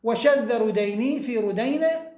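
A man teaching a grammar lesson, explaining step by step, repeating key points and slowing down to spell out each example. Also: very high voice, darkish tone, reverberant.

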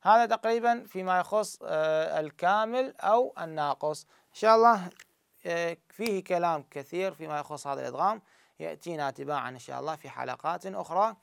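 Iraqi man teaching recitation, smooth voice. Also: fairly high pitch, no echo. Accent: Iraqi Arabic. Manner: explains step by step, slowly drawing out recited examples. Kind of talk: tajweed lesson.

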